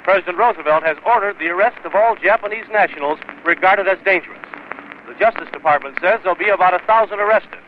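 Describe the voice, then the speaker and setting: A man's voice: high-pitched, narrow, tinny audio, a little hiss or hum. Man reading news on an old 1940s radio broadcast. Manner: crisp, formal announcer delivery. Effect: old 1940s radio broadcast recording. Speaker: radio newscaster. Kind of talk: formal wartime radio news bulletin.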